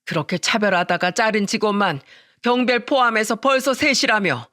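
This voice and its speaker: A narrator voicing an angry older father-in-law who scolds his son, sternly and loudly. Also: medium pitch, a little fast, no echo, clean studio sound, natural voice. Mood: stern scolding.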